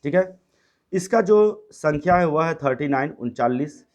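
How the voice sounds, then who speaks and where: Male teacher, lively up-and-down delivery, explains each rule and then restates it in simpler words with mixed-language asides. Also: a little high, unhurried. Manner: explains by repeating, switching to English and Bengali words. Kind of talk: classroom grammar lesson.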